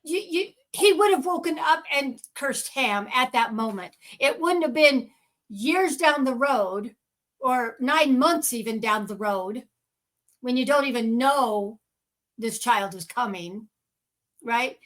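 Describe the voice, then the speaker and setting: A woman's voice: high voice, lively intonation, slow, fairly bright tone. A woman co-hosting a podcast, casually and emphatically talking through her views on a scripture reading. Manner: opinionated, emphatic, talks through her reasoning. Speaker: podcast co-host.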